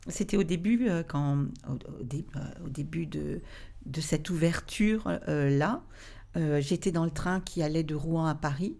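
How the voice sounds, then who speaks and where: A woman, a medium who is a guest on a podcast, telling anecdotes in a lively way. She acts out the voices she quotes and drops into whispered asides. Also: fairly low pitch, gravelly. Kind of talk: anecdotal storytelling.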